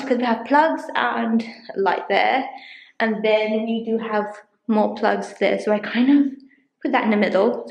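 A woman's voice: a little high, vocal fry, a little mellow, dull audio. A woman, chatting casually in a rambling way with lots of ums while she shows a room in her home for a vlog. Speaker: vlogger. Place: small room in a home, indoors. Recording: echoey small room.

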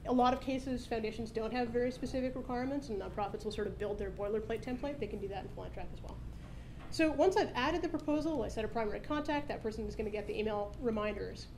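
Woman, 30s, fast-talking demo presenter at a podium mic, higher voice, faint rumble behind. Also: darkish tone, low-quality recording. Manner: brisk, explanatory, upbeat. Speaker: startup founder presenting a product demo. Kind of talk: live product demo presentation. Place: conference stage at a meetup, indoors. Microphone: podium microphone.

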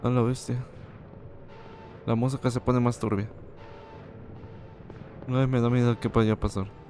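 A man's voice: mid-range voice, flat delivery, unhurried, darkish tone, soft background music. A young man with a Mexican accent commentating a horror game, cracking slangy jokes. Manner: joking, slangy, yelps when scared. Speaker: gaming host. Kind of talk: horror let's-play commentary.

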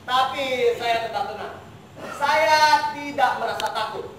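A young male student actor playing a pompous, bossy regent in a comic stage play, with theatrical, deliberate delivery. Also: very high-pitched, fairly bright tone. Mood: self-important. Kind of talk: comic amateur stage acting. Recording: noisy, echoing stage, distant microphone.

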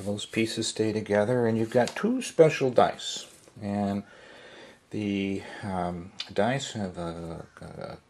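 Gravelly, relaxed man demoing a game. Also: fairly low pitch, slight background noise. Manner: folksy, relaxed, with fillers. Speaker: craft shop owner demonstrating a product. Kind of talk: casual product demo. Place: indoor workshop tabletop.

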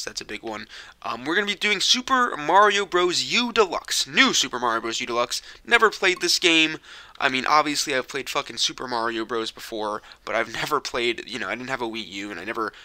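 A man's voice: medium pitch, fast talker, bright, forceful tone, no room sound. A man who is a little sick, rambling casually and swearing often as he hosts a let's play from his home gaming setup. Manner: rambling, profane, self-deprecating. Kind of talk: casual gameplay commentary. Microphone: mic hooked into a capture card. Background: video game music.

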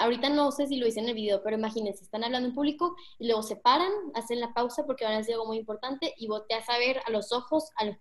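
A young woman with a Mexican accent giving a casual online talk on public speaking, slangy and speaking straight to her audience. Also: on the high side. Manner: chatty, slangy, addresses the audience directly.

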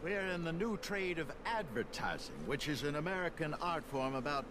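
A man's voice: fairly high pitch, expressive, moderate pace, noisy background, lightly acted. An actor playing a sly, boisterous saloon huckster with theatrical showman patter in a western video game. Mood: sly, wheedling.

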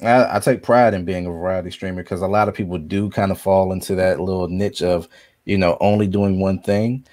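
Low-voiced man chatting as a streamer guest. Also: brisk. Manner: relaxed, conversational, frequent ums. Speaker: podcast guest, video game streamer. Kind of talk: casual podcast chat.

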